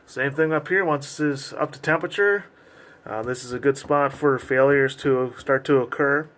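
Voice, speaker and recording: Male boat crew member, mid pitch, informal tour delivery, practical and matter-of-fact, explaining hands-on in an engine room. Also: fairly bright tone. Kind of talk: informal explanatory walk-through.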